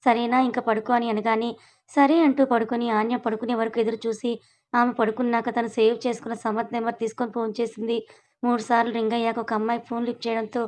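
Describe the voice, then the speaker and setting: Brisk woman storyteller reading aloud. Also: a little high, level tone, a little mellow. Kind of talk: scripted story narration.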